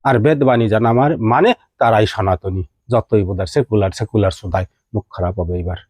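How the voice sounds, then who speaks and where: A man's voice: on the low side, brisk, a little mellow, no room sound, clean studio sound. A man, teaching mantras. He chants verses in a rising singsong and keeps asking his listeners questions. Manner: addresses listeners directly with rhetorical questions. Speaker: tantric teacher. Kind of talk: devotional teaching talk.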